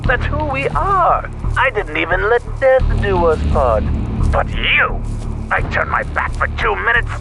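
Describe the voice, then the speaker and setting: A man's voice: sits high, big pitch swings, a little slow, gravelly, exaggerated voice. A man playing a gleefully menacing, obsessive clown supervillain in an audio drama, theatrical and taunting. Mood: mocking, menacing. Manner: theatrical, taunting, wildly swooping delivery.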